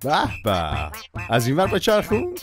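A man's voice: mid-range voice, wildly swooping pitch. Playful man narrating a kids' cartoon. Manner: playful, coaxing, talks to the characters. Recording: music playing behind the voice.

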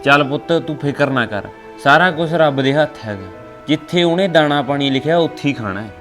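Older rural Punjabi father played by a man, fatherly, unhurried, faint music under. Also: on the high side, fairly bright tone, natural voice. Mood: weary. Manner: slow, fatherly advising. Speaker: father of a grown son. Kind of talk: family web drama acting.

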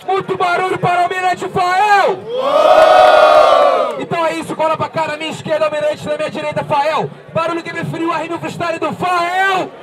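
A man, hosting a rap battle with shouted, rallying announcements. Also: very high voice, monotone, brisk. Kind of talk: live hype announcing. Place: outdoor night rap battle. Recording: loud live music and crowd.

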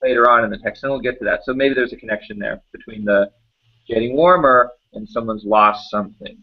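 A man's voice: medium pitch, a little fast. A man co-hosting a casual puzzle podcast, talking in a loose, easygoing way with trailing phrases. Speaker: podcast co-host. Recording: dull lo-fi podcast audio.

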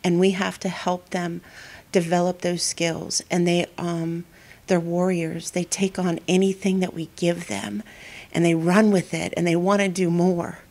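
A woman's voice: on the low side, flat delivery, a little slow, a little mellow. A middle-aged woman, a school principal, answering interview questions with many fillers and restarts. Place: indoor school hallway.

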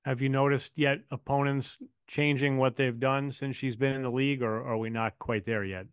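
Crisp, dry-voiced male reporter. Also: medium pitch, fairly even intonation, moderate pace, no echo. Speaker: sports reporter. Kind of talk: press conference questions.

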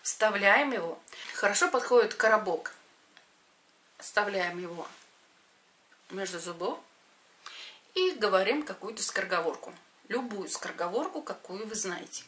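A middle-aged woman teaching exercises to camera, giving short step-by-step instructions with pauses between them. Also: medium pitch, lively intonation, fairly bright tone, a little hiss or hum. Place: indoors, in front of a padded wall.

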